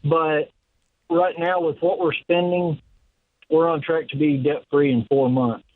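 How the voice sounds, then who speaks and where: A man's voice: a little high, fairly even intonation, unhurried, no echo. Polite male caller over the phone, tinny line, dry sound, hesitant. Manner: polite, hesitant, says "yes, sir". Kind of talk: casual call-in chat.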